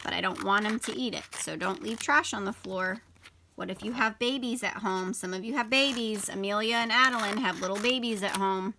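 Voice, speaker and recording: A woman teacher giving step-by-step instructions to young children in simple, deliberate phrases, stressing example words and sounds. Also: medium pitch, background noise. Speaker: elementary school teacher. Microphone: video camera.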